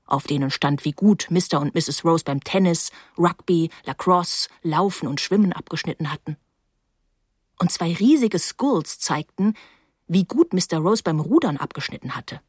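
A woman reading a first-person story aloud in a wry, even storytelling manner. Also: mid-range voice, husky, dry recording, studio quality. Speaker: audiobook narrator. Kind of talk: scripted first-person narration.

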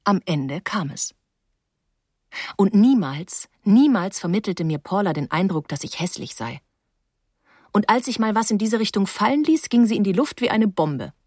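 A woman narrates an audiobook with an expressive, reflective manner. Her pitch moves in lively swings around a middle level. The sound is dry and close. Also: moderate pace, husky, dry recording. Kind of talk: audiobook reading.

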